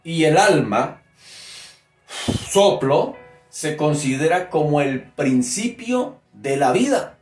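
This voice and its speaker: A man preaching a sermon, teaching slowly and emphatically and putting direct questions to his listeners. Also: fairly high pitch, lively intonation, a little mellow, echoey room, soft background music.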